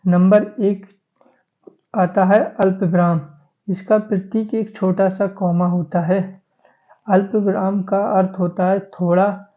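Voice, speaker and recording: A man's voice: high-pitched, takes it slowly. A man teaching a Hindi grammar lesson for exam preparation, going through points by number. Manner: steady, listing points by number. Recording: tinny phone-like audio.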